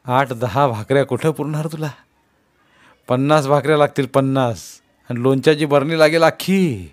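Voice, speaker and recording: A steady husband soothes and teases his worried wife in a storybook reading, voiced by a man. He speaks calmly with an easy, unhurried warmth in the words. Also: mid-range voice, dry recording, lightly acted. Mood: teasing. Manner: calm, gently teasing. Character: calm teasing older husband.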